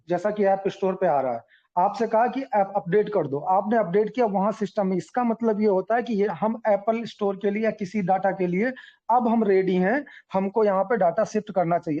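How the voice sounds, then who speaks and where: A man's voice: high-pitched, warm tone. Earnest man on a muffled call. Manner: earnest, repetitive, explains with examples. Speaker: team leader addressing members. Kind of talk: online group call talk.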